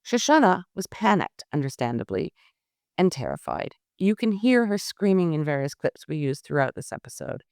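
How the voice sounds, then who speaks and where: Woman host narrating, measured and pointed, low voice, dry close mic. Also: sing-song, gravelly, a little mellow, dry recording. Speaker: podcast host. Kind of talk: scripted narration.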